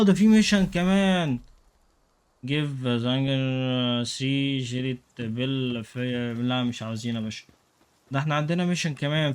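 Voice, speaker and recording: A young man with an Egyptian Arabic accent giving joking, excitable commentary while playing a video game. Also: mid-range voice. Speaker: gaming YouTuber. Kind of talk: let's play commentary.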